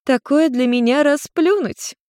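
Woman voicing a middle-aged witch mother, tipsy, slurred, teasing, high drawl, slow, dry close sound. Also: darkish tone, dry recording.

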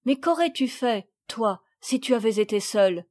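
A lively, hot-tempered storybook boy, voiced by a woman reading aloud. He speaks eagerly and indignantly in a slightly high voice. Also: a little slow, dry recording. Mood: curious.

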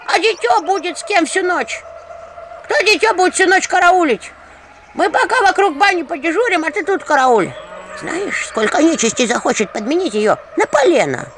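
A woman voicing a pair of cheeky little male imps who chatter in excited, squeaky voices. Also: normal speed, slight background noise, heavily acted. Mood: busy fussing.

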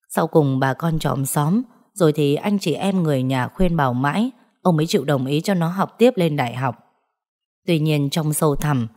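A woman narrating a ghost story in a steady storytelling manner. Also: low voice. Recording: faint background music.

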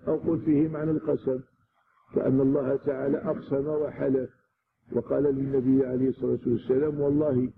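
A man with a Moroccan accent teaches a scripture commentary, explaining point by point and repeating words to stress them. His voice has a gravelly, creaky edge. The recording is lo-fi and narrow, with loud noise underneath. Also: medium pitch. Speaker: religious teacher.

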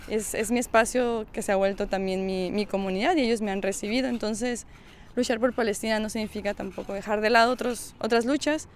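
Speaking briskly in a steady, medium-pitched voice, the activist from Mexicali and the Sonora-California border region offers spontaneous spoken testimony in her northern Mexican accent. She frequently searches for the right words, and slight background noise is audible.

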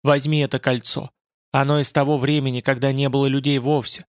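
A man's voice: mid-range voice, level tone, brisk, no room sound, clean studio sound, natural voice. A man voicing a grave, proud female spirit being who speaks in a solemn, reserved way.

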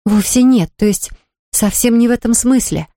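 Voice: medium pitch, normal speed, mellow, no room sound, studio quality, voice pushed up, close to an everyday voice. A reader voicing a distraught young woman who pleads through tears. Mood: pleading. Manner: pleading, tearful outbursts.

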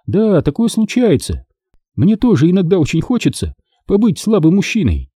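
A man's voice: high voice, huge pitch swings, moderate pace, dark tone, husky, dry recording, studio quality, voice pushed up, heavily acted. A man voicing a playful, mannered young woman in an audiobook. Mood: teasing.

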